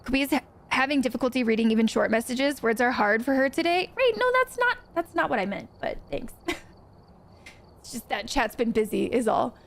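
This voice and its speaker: A woman's voice: a little high, a little fast, vocal fry. A young woman streaming a ghost-hunting game, chatting casually and greeting viewers by name. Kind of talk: casual livestream chat while gaming.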